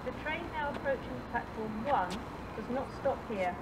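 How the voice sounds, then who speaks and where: Woman announcing over station loudspeakers. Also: fairly high pitch, animated. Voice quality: measured, formal, evenly paced. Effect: heard over station loudspeakers. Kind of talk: formal platform announcements. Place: outdoor railway platform. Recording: distant, noisy outdoor platform. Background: passing trains and traffic.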